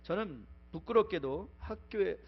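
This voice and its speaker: A middle-aged man from Korea preaching in a church, his voice pitched high and carrying. He moves between loud pleading exhortation and hushed personal confession, dropping short English phrases in. The sermon recording is dull and lo-fi, with a mains hum underneath. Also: animated, a little slow. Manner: swings from loud urgent exhortation to quiet confessional storytelling. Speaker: pastor. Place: church sanctuary.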